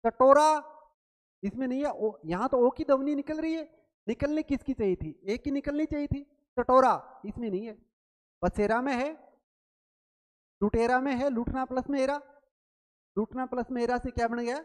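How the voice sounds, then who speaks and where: A woman teaching a grammar quiz lesson, asking questions and answering them herself, repeating key words slowly. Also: sits high, warm tone. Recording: long reverb, roomy sound.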